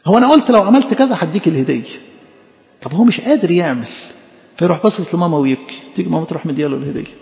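A man's voice: a little high, expressive, very fast, gravelly, a little mellow. A man preaching a sermon in an Egyptian Arabic accent, impassioned and pleading, repeating phrases for emphasis. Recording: echoey hall, dull lo-fi sound.

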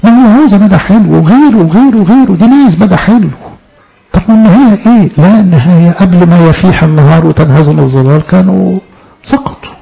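Egyptian guy preaching, dark gravelly voice, talks quick, asks lots of questions. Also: high voice, dull audio. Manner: rhetorical questions, voices the soul's own words. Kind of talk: sermon on scripture.

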